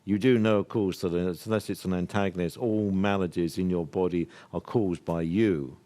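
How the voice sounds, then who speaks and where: A man's voice: sits low, fairly even intonation, moderate pace, mellow. An older man from the UK giving an earnest, rambling workshop talk to a live audience. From United Kingdom. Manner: earnest, emphatic, rambling with laughs and restarts. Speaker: workshop speaker.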